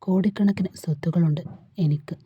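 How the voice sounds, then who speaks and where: A wounded young husband pleads and presses his wife with sore, tense questions, as a woman narrator voices him. The voice sits low and mellow with a husky edge, and the recording is close and dry. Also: a little fast.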